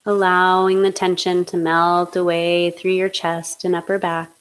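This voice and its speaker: A woman leading a guided hypnosis meditation in a slow, soothing, steady way. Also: fairly low pitch. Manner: slow, soothing, monotone guidance.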